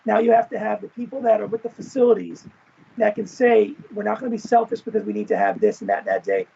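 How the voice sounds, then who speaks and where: A former event manager and professor, appearing as an interview guest, talks fast in a high, warm voice with lively intonation and vocal fry. There's a little hiss or hum on the muffled video call, and his easygoing, expansive remarks keep ending in "you know" or "right?"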